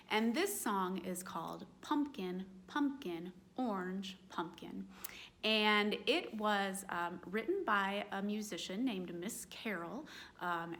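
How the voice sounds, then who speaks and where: A woman children's librarian reading a storytime tale aloud, gently asking the children questions. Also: mid-range voice.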